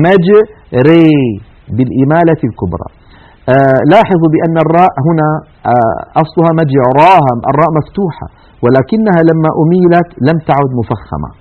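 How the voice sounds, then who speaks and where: Male recitation teacher, brisk lesson delivery, demonstrates sounds aloud, tinny lo-fi audio. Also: a little high, lively intonation. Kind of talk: explanatory religious lesson. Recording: narrow phone-like audio.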